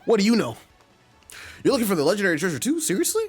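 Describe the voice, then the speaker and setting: A man voicing a perky young female goomba student in a bubbly, excitable way. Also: high-pitched, racing, breathy edge, faint music behind, pitched above the performer's own voice, full character voice. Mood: excited.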